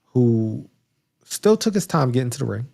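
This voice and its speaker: A man's voice: mid-range voice, sing-song, normal speed, gravelly, darkish tone. A man co-hosting a podcast, recapping wrestling matches in a rambling casual chat, laughing now and then, with a touch of hiccups. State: has the hiccups. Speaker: podcast co-host.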